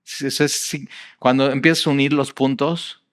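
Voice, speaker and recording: A middle-aged pastor with a Mexican accent preaches a sermon in an animated, conversational storytelling style, using frequent fillers. He speaks at medium pitch and a moderate pace.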